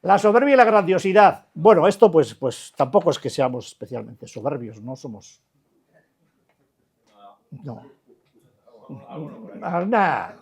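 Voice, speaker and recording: Older man, Basque Spanish accent, recovery-group speaker, blunt and colloquial, a bit high-pitched. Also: lively intonation, measured pace, creaky, pauses often, breathy edge. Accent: Spanish, Basque Country. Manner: colloquial and blunt, many restarts and rhetorical questions. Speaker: addiction recovery counselor. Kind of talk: informal talk to a recovery group.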